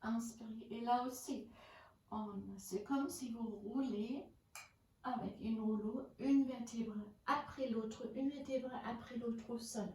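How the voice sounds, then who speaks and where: A woman leading a pilates class, calmly counting reps and giving breathing cues. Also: on the high side, slow. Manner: calm counting and breath cues, mixing in English phrases. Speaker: pilates instructor. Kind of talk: guided workout instruction. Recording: roomy, mic at a distance, faint background hiss.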